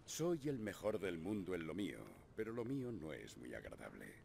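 A grim, boastful game hero, with a deep, gravelly voice. His pitch swings widely as he makes a dark boast, and the menace comes across as cold and self-assured. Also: very animated, normal speed, heavily acted. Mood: menacing.

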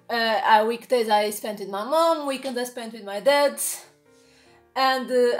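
Recorded on a camera a few feet off, this young adult vlogger from Portugal talks with a Portuguese accent in a somewhat high, reverberant voice. She chats informally from a small bright room in her home, often stumbling into fillers and restarting.

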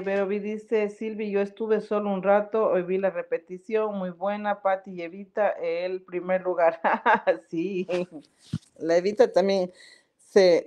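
A woman's voice: mid-range voice, warm tone. A woman hosting a casual live stream, chatty and laughing often as she greets viewers by name. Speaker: podcast live-stream host. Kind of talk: casual live-stream chat reading comments.

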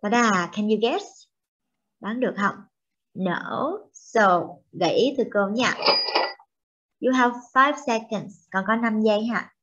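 Slow, cheerful Vietnamese teacher woman. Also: on the high side, fairly bright tone. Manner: slow, drawn-out, cheerful drilling of words; switches between English and Vietnamese. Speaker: English teacher for children. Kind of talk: bilingual children's vocabulary lesson. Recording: dull lo-fi recording.

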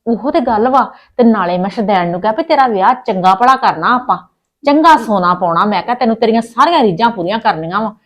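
A woman's voice: on the high side, expressive, fast, natural voice. An actress playing a practical, stubborn middle-aged mother who insists and scolds in colloquial speech, with a Punjabi accent. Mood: insistent. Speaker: mother arranging her daughter's wedding.

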